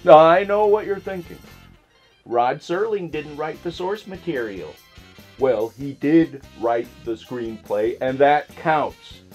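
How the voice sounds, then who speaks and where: A man playing a mock-solemn horror host, with a deliberate, theatrical delivery in scripted comic reviews. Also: a little high, husky, faint music behind. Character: Dr. Torpor, theatrical horror host commenting on old films.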